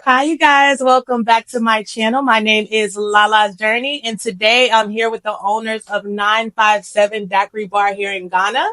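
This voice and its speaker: A woman's voice: mid-range voice, fairly even intonation, normal speed, few pauses, bright, forceful tone, poor audio. A woman hosting a casual interview, asking friendly questions and giving many short affirmations. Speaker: host and interviewer.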